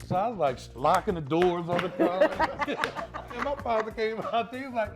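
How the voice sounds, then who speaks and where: Loud music sits behind the voice of a man in his sixties from the United States, interviewed as a homeowner while giving a house tour. He's a laughing, animated storyteller whose voice sits high, speaking at a moderate pace.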